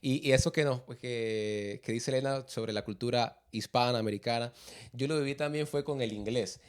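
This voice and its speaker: Man host, relaxed chat, middle voice, filler-heavy delivery. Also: medium pitch, normal speed, smooth. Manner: relaxed, many filler "eh" sounds, asks questions. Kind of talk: casual chat.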